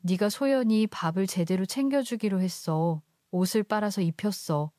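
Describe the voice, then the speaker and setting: A woman voicing a stern, older grandmother who scolds in a low, pressing voice in a storybook narration. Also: normal speed, warm tone, no room sound, clean studio sound, natural voice. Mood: stern scolding.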